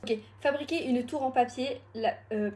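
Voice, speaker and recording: A young woman with a high, light voice chats casually through a home challenge vlog. She mocks herself and laughs easily. A faint background hiss sits under the recording. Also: normal speed. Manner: chatty, self-mocking, bursts of laughter. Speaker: vlogger.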